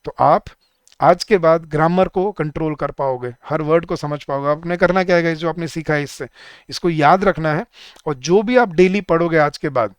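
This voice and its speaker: Lively man teaching grammar. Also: a little high, smooth, dry recording, clean studio sound. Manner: lively, asks the class many questions; reads English example sentences slowly. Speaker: English teacher for bank exams. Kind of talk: live online grammar class.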